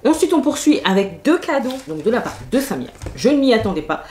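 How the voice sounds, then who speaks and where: A beauty vlogger chats enthusiastically through a makeup and clothes haul in a casual video, full of fillers and asides. Her voice is a little high, brisk, and full of big pitch swings, recorded in an echoey room with faint noise.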